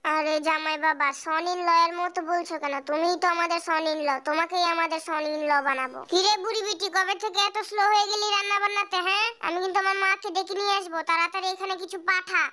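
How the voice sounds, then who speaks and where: A blunt, bossy middle-aged father, voiced by a woman in a home-made audio drama. He snaps insults in a dropped, rougher voice that stays bright. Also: very high voice, steady tone, quick pace, hardly any pauses. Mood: mock-sweet.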